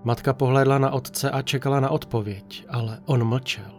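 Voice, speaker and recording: Calm man narrating a horror story. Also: medium pitch. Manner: calm, measured first-person telling. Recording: narration over faint music.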